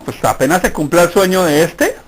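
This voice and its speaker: A man's voice: a little high, animated, fairly quick, breathy edge, poor audio. A middle-aged Colombian pastor preaching a sermon in a conversational way, acting out the voices he quotes. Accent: Colombian Spanish.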